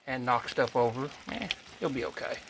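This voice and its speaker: A man's voice: medium pitch, expressive, normal speed, vocal fry, very noisy. A man from Kentucky with an Appalachian accent hosting a home cooking vlog in a folksy, chatty way, correcting himself as he goes. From Kentucky, USA. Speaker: cooking channel host. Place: home kitchen.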